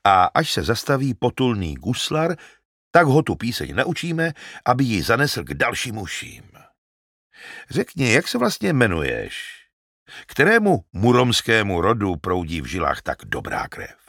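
A man voicing a talkative, excitable old male shepherd in an audiobook, loud and emphatic. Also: fairly low pitch, no echo, studio quality, pitched above the performer's own voice, exaggerated voice. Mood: eager. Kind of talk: audiobook character reading.

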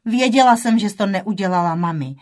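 A woman's voice: medium pitch, close to an everyday voice. A woman voicing a grown daughter who confesses in a hesitant, trembling way in an audiobook. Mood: tense. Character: adult daughter, shaken and confessing.

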